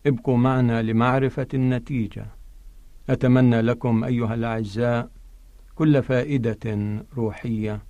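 Male pastor-presenter, mid-pitched, solemn and measured scripture narration, dry studio sound. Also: steady tone, warm tone, dry recording, dull audio. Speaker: pastor presenting a radio Bible programme.

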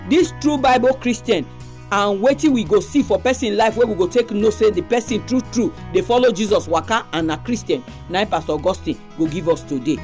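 A woman's voice: medium pitch, brisk, a little mellow. A woman with a Nigerian accent speaking Nigerian Pidgin as she introduces a religious radio programme. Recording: music behind the voice.

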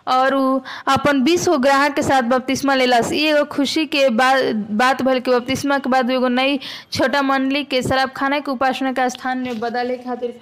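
Preacher: woman, high voice, Bhojpuri accent, steady measured Bible sermon.

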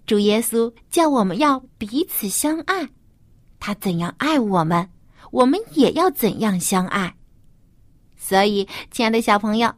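A woman's voice: on the high side, no echo. A woman hosting a children's Bible program, speaking to young listeners as if reading to a toddler, with simple questions put straight to them. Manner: addresses small children directly with simple rhetorical questions.

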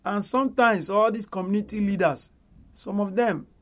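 A man's voice: sits high, normal speed. A male pastor with a Nigerian accent, praying aloud in Nigerian Pidgin.

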